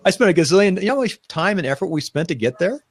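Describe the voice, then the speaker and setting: A man hosting a live online talk show, chatting casually in a rambling, upbeat way and pitching his ideas to guests. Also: sing-song, quick pace, no room sound. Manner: rambling, upbeat, self-promoting. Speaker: podcast host. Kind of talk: casual live-stream chat.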